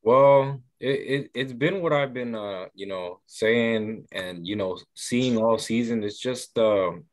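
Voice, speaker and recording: A young man giving a halting sports breakdown as a guest on a video call, full of fillers and restarts. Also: medium pitch. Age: young adult. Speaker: guest analyst. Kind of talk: sports recap chat.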